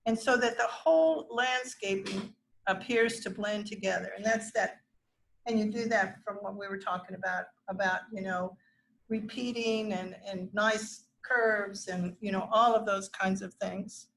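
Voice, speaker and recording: A woman's voice: medium pitch, measured pace, fairly bright tone, a little hiss or hum, rough recording. A middle-aged woman teaching a gardening class to a room of learners, chatting freely with asides and restarts. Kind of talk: informal classroom lecture. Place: classroom with a live audience.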